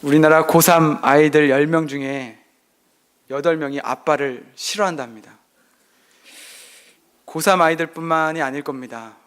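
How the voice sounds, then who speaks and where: A man's voice: fairly high pitch, moderate pace, long pauses, clean tone. A middle-aged male pastor giving a sermon, telling stories about his son and acting out their exchanges. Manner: acts out dialogue with his son, shifting loudness. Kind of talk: sermon with personal anecdotes.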